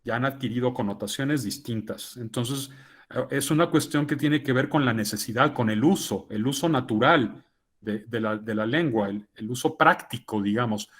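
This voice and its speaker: A man giving a lecture to teachers, explaining points in a measured way and often tagging sentences with "¿no?". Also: mid-range voice, fairly bright tone. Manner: measured and explanatory, with frequent "¿no?" tags. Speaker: guest lecturer speaking to teachers. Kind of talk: lecture answering a question.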